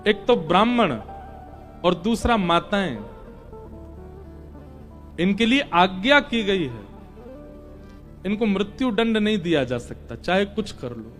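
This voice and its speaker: A man's voice: sits high, lively intonation, takes it slowly, long pauses, fairly bright tone, soft background music. A man narrating a devotional story sermon with dramatic emphasis, acting out the characters as he goes. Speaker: religious storyteller.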